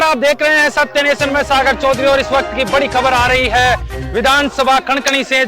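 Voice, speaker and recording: A man playing a TV news reporter in a comedy sketch, speaking in a formal newsreader manner. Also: extremely high pitch.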